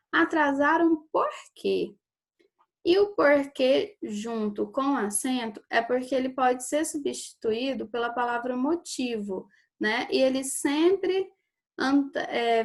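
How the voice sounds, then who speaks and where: A Brazilian woman teacher with a slightly high voice walks through a grammar review lesson. She stretches out and punches each example word, then checks in with her listeners after almost every point. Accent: Brazilian Portuguese. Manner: explains slowly, stretching and stressing example words.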